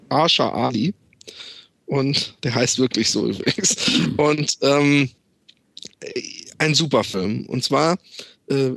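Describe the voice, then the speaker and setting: A man's voice: mid-range voice, vocal fry, no echo. A man casually recommending a film, rambling with many fillers as he retells its scenes. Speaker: film reviewer.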